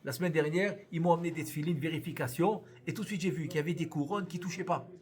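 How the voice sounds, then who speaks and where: Male rabbi, lively classroom teacher, slightly high voice, repeats and self-questions. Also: fast talker. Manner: animated, repeats key words, asks and answers own questions. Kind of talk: live Torah lesson.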